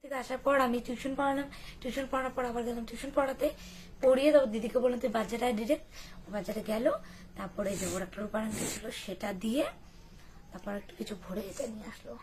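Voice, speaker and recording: Hoarse chatty young woman vlogger. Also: fairly high pitch, fairly even intonation, fast talker, background noise. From West Bengal, India. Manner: chatty, rambling, many fillers. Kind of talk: casual chat to camera.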